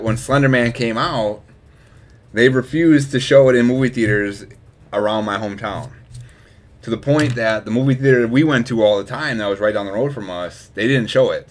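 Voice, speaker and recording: Chatting on a live stream, this young man from Wisconsin wanders through asides, laughing frequently. His fairly low voice jumps between loud outbursts and quiet mumbles.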